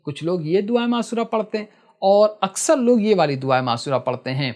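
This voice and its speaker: A man's voice: high-pitched, expressive, darkish tone. Patient man teaching prayer steps. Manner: patient, repeatedly tells listeners to listen carefully; switches to slow chanted recitation for prayer texts. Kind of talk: step-by-step spoken instruction.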